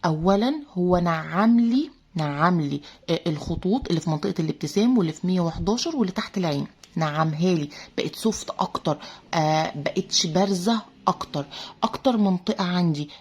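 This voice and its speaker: A woman's voice: lowish voice, expressive, fast, darkish tone, slightly rough, lo-fi sound. A woman with an Egyptian accent chatting through a product review, full of fillers and talking straight to her female viewers. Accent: Egyptian Arabic. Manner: chatty, many filler "aah"s, addresses viewers as girls. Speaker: beauty vlogger reviewing a serum.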